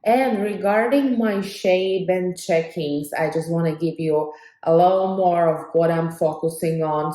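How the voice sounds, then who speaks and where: A young woman from Slovakia speaks to her vlog audience in Slovak-accented English. Her pitch sits slightly low and she takes her time over each phrase. The delivery is earnest and measured, a casual catch-up with viewers. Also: warm tone, low-quality recording. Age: 20s. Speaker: fitness vlogger. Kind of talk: casual vlog talk to camera.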